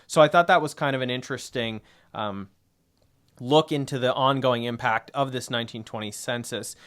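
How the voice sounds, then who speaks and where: A man's voice: mid-range voice, moderate pace, fairly bright tone. A man co-hosting a history podcast, talking through ideas in a rambling, casual way with many fillers and restarts. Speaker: podcast co-host.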